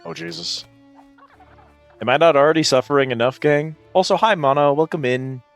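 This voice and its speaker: A man's voice: fairly high pitch, moderate pace, creaky. A man chatting casually as he hosts a live game stream, with playful, exclamatory greetings to his viewers. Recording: music behind the voice.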